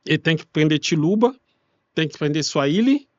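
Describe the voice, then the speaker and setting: A refugee rights activist from Kinshasa, Democratic Republic of the Congo, speaks as an interview guest, explaining things in non-native, loosely grammatical Portuguese with a Congolese accent. His first language is a Congolese language such as Lingala. His voice is on the high side, expressive, fairly quick and darkish, on a dry, lo-fi recording.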